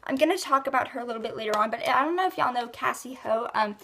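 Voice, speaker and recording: Chatty high-voiced teen girl vlogger. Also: animated, fast, a bit bright, slight background noise. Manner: chatty, lots of ums and likes. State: sick, voice a bit rough. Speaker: beauty vlogger. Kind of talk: casual rambling product review.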